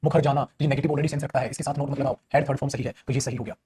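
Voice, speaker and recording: A man's voice: mid-range voice, level tone, very fast, dark tone, a little hiss or hum. A man teaching English grammar in an online exam-prep lesson, explaining in Hindi, reading English example sentences aloud, quizzing students and calling them "beta".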